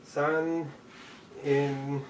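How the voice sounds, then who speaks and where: Here a fairly high-pitched male voice with little pitch movement and drawn-out words leads an online jujitsu session. He demonstrates moves while counting off the steps, recorded in an echoey space on a distant mic with slight background noise.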